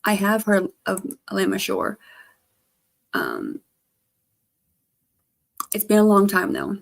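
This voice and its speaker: Woman, gravelly vocal fry, mid pitch, slightly slurred from missing front teeth, halting, casual rambling livestream chat. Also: huge pitch swings. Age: adult, grown past teens. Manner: halting, trailing off with repeated stammered starts. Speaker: livestreamer chatting with viewers.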